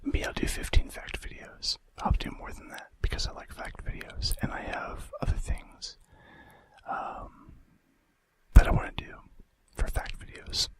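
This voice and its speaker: At a measured pace, a male ASMR host whispers facts in a soft, breathy way close to the mic, dropping in hesitant, offhand asides.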